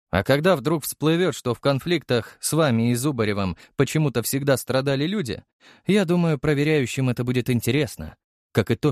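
A man narrating an audiobook in a lively storytelling style, acting out the characters' voices. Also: mid-range voice, no echo, clean studio sound.

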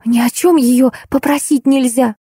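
Женщина изображает обиженную капризную молодую жену. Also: female voice, high-pitched, steady tone, a little slow, mellow, slightly rough, dry recording, clean studio sound, pitched above the performer's own voice. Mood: sulky. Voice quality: plaintive, moaning.

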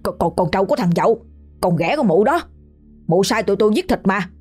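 Woman doing a hoarse, cackling village man. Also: mid-range voice, animated, fast talker, darkish tone, faint music behind. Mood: taunting. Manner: hoarse cackling laugh, stammers. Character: crude cackling village man, stuttering and taunting.

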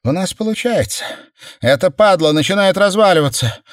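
A man voicing a blunt, excitable, foul-mouthed woman in an audiobook, speaking in a crude and urgent manner. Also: high-pitched, extremely slow, no echo, studio quality, voice pushed up. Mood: excited. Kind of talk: audiobook character voice.

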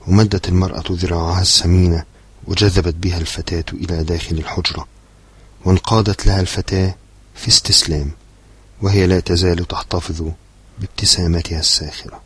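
A man narrating a literary novel as an audiobook in a measured, steady storytelling manner. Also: sits low, breathy edge.

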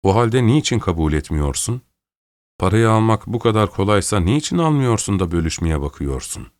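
A man voicing a young male boxer who speaks in terse, flat answers. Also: on the low side, moderate pace, dry recording, clean studio sound. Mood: defiant.

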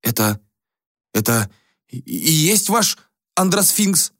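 A man's voice: on the high side, sing-song, slow, a bit bright, dry recording, voice pushed up, heavily acted. A bewildered everyday man, as a narrator puts him on in a storybook reading, blunt and agitated. The voice is only slightly raised above the narration, plain and dry. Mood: irritated. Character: ordinary man in a suit, confused and irritable.

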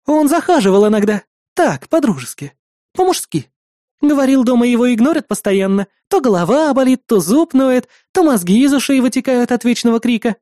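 An audiobook reader voicing a proud young woman mage who speaks briskly and a bit wryly. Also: mid-range voice, dark tone, no echo, studio quality, pitched above the performer's own voice, natural voice.

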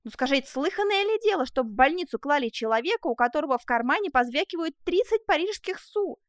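A woman voicing an excitable young man who exclaims in agitation, in a storybook reading. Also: high-pitched, normal speed, dry recording, clean studio sound, voice pushed up. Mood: agitated.

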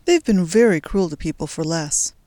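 A reader voicing an anxious young Belgian woman who speaks in a low, hesitant voice in an audiobook story. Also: animated, moderate pace, a little mellow, no echo, close to an everyday voice. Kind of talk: audiobook character voice.

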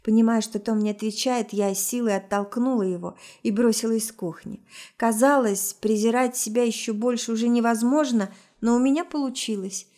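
Woman narrating a story, rather high voice. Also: normal speed, warm tone. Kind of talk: audiobook reading of a story.

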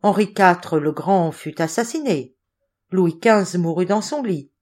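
A woman's voice: on the low side, expressive, unhurried, darkish tone. A woman reading the part of a senior male clerk who argues his point earnestly. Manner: questioning, earnest.

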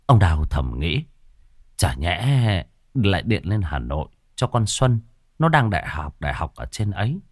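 A man's voice: deep voice, big pitch swings, unhurried, dry recording, studio quality. A man narrating a horror tale in a vivid, dramatic storytelling style.

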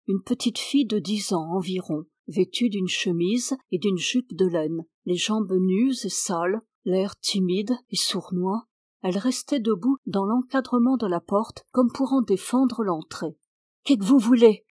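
A woman reading a classic story aloud in measured, even audiobook narration. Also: mid-range voice, husky, no echo, clean studio sound. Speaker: reader.

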